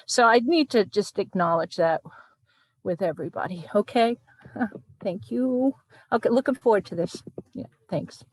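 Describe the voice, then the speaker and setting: An older woman introducing herself on a video call, halting and emotional, with many restarts. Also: medium pitch, darkish tone, husky, dry recording. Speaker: panelist.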